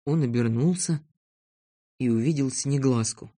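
A reader calmly narrating a children's storybook. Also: mid-range voice, normal speed.

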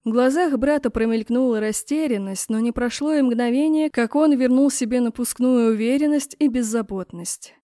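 A woman narrating a fantasy novel in the first person, reading the heroine's cries with rising pitch and force. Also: moderate pace, hardly any pauses, warm tone, no room sound, studio quality. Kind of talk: audiobook narration.

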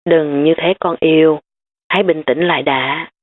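A woman reading the lines of a gentle, grieving young father comforting his daughter in an audiobook. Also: low voice, fairly even intonation, moderate pace. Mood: soothing. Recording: tinny phone-like sound.

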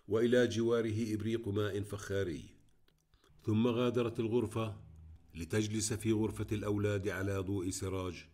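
Deep-voiced man reading an audiobook. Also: a little mellow. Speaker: audiobook narrator. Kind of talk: scripted narration.

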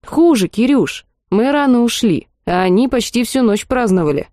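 A woman's voice: a little high, animated, moderate pace, warm tone, no room sound, clean studio sound, natural voice. A woman reading the part of a remorseful, hungover young male student who sighs as he confesses in an audiobook. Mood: rueful. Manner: sighing and confessional.

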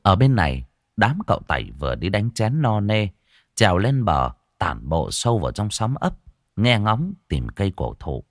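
A man narrating a ghost story in an expressive, dramatic reading. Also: on the low side, normal speed, no room sound, clean studio sound.

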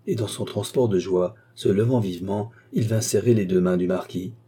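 A man narrating a classic novel as an audiobook in a measured, steady way. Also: fairly low pitch, slightly rough.

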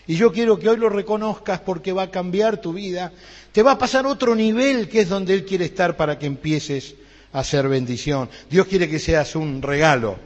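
A middle-aged man with an Argentine Rioplatense accent preaching a sermon, telling a story and acting out the dialogue with growing fervor. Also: a little high. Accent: Argentine Rioplatense Spanish. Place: church hall. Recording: dull sound with long hall reverb.

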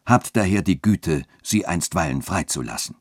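A man voicing a measured, firm town magistrate. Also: sits low, expressive, husky, dry recording, studio quality. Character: respected, composed male town magistrate.

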